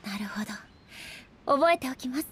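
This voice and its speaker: The high-voiced, stately Raiden Shogun. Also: female voice, animated, fairly bright tone, slight background noise. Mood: earnest, thoughtful. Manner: formal, stately, measured. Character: regal, solemn female shogun, a swordswoman devoted to eternity. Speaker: voice actor. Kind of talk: Japanese anime-style game character voice lines.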